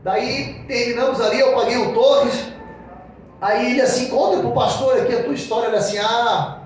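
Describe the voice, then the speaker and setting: A man's voice: very high voice, steady tone, normal speed. A man from Brazil, a pastor, preaching a sermon and telling a personal testimony earnestly, acting out the dialogue. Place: church. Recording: echoey church from far off, faint noise.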